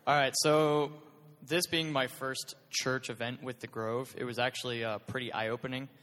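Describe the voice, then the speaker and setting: Earnest young man in a flat tone. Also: medium pitch, normal speed. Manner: earnest, hesitant, many "um"s. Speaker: youth group member sharing testimony. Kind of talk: casual spoken testimony. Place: large hall at a youth church event. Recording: reverberant hall.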